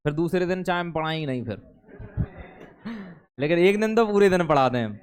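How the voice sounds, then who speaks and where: Here a male teacher from India, high-voiced and clear, reads passages to his classroom at a moderate pace with lively intonation, bantering and joking with students in between.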